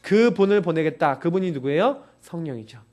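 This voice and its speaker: A man preaching a sermon, pressing his points home with repeated, urgent appeals to his listeners. His voice sits high for a man and rises and falls in wide, lively swings. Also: a little fast. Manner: emphatic, insistent, urging listeners repeatedly. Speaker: pastor.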